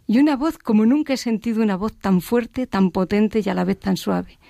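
Woman, earnest faith testimony, gravelly voice. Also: mid-range voice, animated, normal speed, dry recording, studio quality. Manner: earnest, reflective, drops to a hushed whisper at times.

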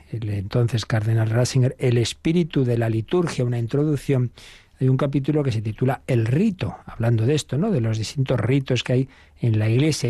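A man's voice: medium pitch, mellow, no echo. A man giving a catechism lesson, explaining patiently with rhetorical questions and frequent restarts. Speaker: priest teaching the catechism.

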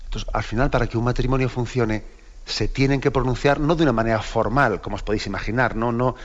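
Speaking at an ordinary male pitch with a Spanish accent from Spain, a bishop gives a catechesis talk in a relaxed, conversational manner. He frequently turns to his listeners with quick tag questions. The recording sounds slightly dull and lo-fi.

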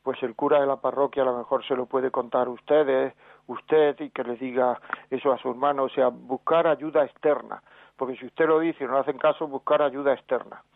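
A man hosting a call-in advice show on radio, giving gentle, fatherly counsel with many fillers. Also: medium pitch, steady tone, a little fast, dry recording. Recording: narrow phone-like broadcast sound.

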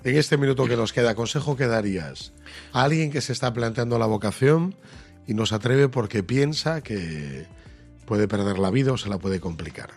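A man with a Spanish accent hosting casual radio chat, his voice raspy and hoarse from a cold, like a smoker's rasp. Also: medium pitch, animated, moderate pace, a little mellow, soft background music. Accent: Spain. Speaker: radio host.

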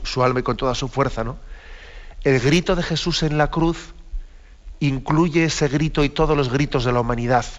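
A man giving a catechism commentary on the radio, explaining a text he reads out in parts and pausing to reflect. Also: medium pitch. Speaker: bishop giving catechism talk. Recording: slightly dull radio broadcast.

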